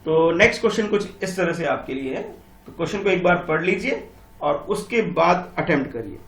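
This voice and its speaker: A man's voice: a little high, expressive, a little fast, fairly bright tone. A man, a teacher explaining exam questions and asking himself rhetorical questions as he goes. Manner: repeats and asks rhetorical questions. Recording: echoey room.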